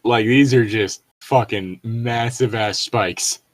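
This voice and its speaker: Reading bad fan fiction aloud for laughs, this co-host mocks the text with casual swearing and keeps chuckling in amusement. His voice sits at medium pitch and moves at a slow pace.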